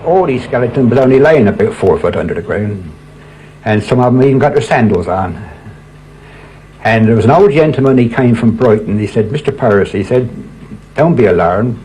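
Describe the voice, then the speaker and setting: A man's voice: mid-range voice, lively intonation, brisk, dark tone, slight background noise, rough recording. An older man, earnestly telling anecdotes as a local resident, quoting conversations as he goes. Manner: earnest, repeats "he said" and "she said" as he acts out reported talk. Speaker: local resident and court usher telling his experiences. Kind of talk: anecdotal storytelling.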